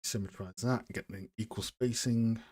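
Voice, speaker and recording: A man's voice: fairly low pitch, steady tone, normal speed, darkish tone. A man hosting a casual live stream, chatting with viewers in a rambling, self-deprecating way while working on a model. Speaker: streamer and game art host.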